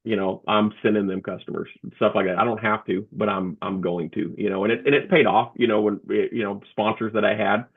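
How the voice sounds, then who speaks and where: A man talking as an interview guest, a comedian and motivational speaker, telling his story in a halting way with many restarts over a remote call. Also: lowish voice, fairly even intonation, slightly rough. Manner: halting, with frequent restarts and fillers. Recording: tinny phone-like remote line.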